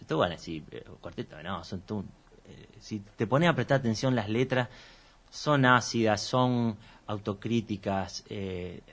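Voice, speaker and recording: Speaking a little slowly, this man has a lowish, fairly bright voice. He's a musician on a radio show, rambling through casual interview chat in a self-deprecating way.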